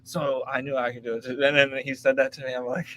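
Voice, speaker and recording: A man's voice: medium pitch, flat delivery, quick pace, fairly bright tone, a little hiss or hum, low-quality recording. A man who runs a travel vlog, chatting casually, swearing freely and laughing between stories. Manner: loose and profane, laughs often. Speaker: travel vlogger. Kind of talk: casual chat.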